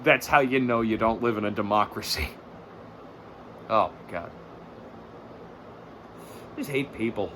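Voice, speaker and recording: A man's voice: medium pitch, fast talker, hardly any pauses, noisy background. Profane, sardonic man ranting. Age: 30s. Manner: profane, sardonic, rambling, laughs at his own jokes. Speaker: podcast host. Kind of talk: comedic rant.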